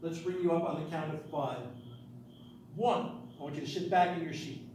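A middle-aged man working as a stage hypnotist, giving suggestions to volunteers in a commanding, deliberate, repetitive way. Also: a little high, fairly even intonation, a little mellow. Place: medium-sized carpeted indoor meeting room. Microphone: distant camera across the room. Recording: roomy echo, distant camera mic, background noise.

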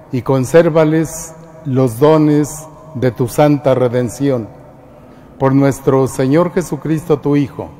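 A male priest leads a liturgical prayer slowly and solemnly. His voice is dark and mellow, and his pitch sits in an ordinary middle range. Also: slight background noise. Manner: slow, solemn praying. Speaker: presiding priest.

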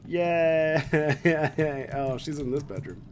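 A young man streams a game with casual, irreverent commentary. His voice is mid-pitched, recorded on a headset with faint noise and game sound behind it. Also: expressive, moderate pace. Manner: irreverent, joking. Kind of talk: casual let's play commentary. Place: small room at home.

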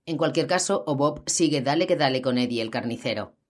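A woman narrating a gritty crime novel in an audiobook, with steady storytelling. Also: very deep voice, brisk.

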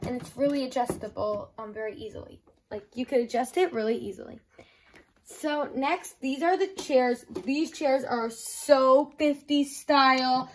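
In a low-quality recording with slight background noise, a young woman in a small room at home enthusiastically reviews a toy. Her high voice keeps a measured pace, and her casual, simple explanations lean heavily on "like" and "I love".

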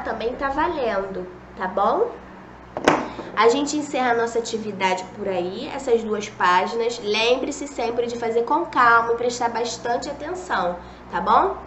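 A woman's voice: on the high side, a bit bright, a little hiss or hum. Patient young woman teaching small kids. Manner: patient, coaxing, talks to kids as "a tia", many "ó" and "tá bom?". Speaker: preschool teacher. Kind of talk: recorded video lesson for small children. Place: classroom with a whiteboard. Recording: dull echoey room recording.

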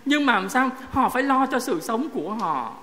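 Male priest, sermon, high voice, long church echo, chatty, asks the congregation questions. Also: very animated, moderate pace, bright, forceful tone. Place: parish church. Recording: echoey church hall, faint noise.

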